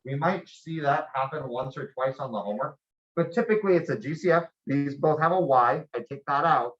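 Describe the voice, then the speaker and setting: Patient and plain, a man teaching math walks his class through the material step by step and keeps checking in with the students. His voice sits a little high, with a fairly bright tone and a fairly quick pace. The recording has a slightly dull, lo-fi quality.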